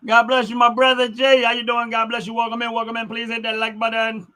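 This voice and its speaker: A very high, sharp voice comes out completely flat and quick from this middle-aged man running a livestream. He chats casually with viewers, opinionated and emphatic, driving home points through repetition.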